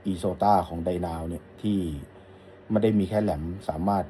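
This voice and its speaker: A man's voice: sits low, fairly even intonation, normal speed, mellow, slight background noise. A middle-aged man, an audio shop owner, casually answering a customer's question in a rambling, friendly way. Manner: rambling, friendly, polite particles. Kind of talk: casual talk to camera.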